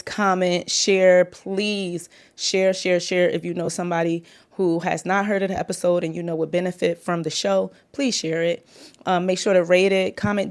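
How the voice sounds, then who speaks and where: A woman's voice: on the low side, a little mellow. Chatty, playful podcast host woman. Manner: chatty, playful, laughs often. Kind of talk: casual chat.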